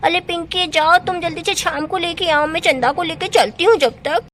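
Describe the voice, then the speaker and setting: A woman voicing an excited, chatty little village girl in a doll story. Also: extremely high pitch, normal speed, background noise. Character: lively little village girl, eager and bossy.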